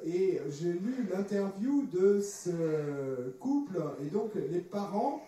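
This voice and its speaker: A man's voice: sits high, animated, slow, warm tone. A man interpreting a teaching with hesitant phrasing and frequent restarts. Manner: hesitant, many fillers and restarts. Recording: echoey room, distant mic, faint noise.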